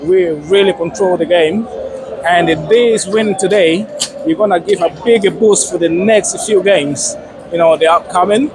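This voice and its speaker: An excited man giving a casual post-match fan interview outdoors, emphatic and repeating his phrases. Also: sits high, a little slow, over music. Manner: excited, buzzing. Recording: noisy outdoor street with crowd.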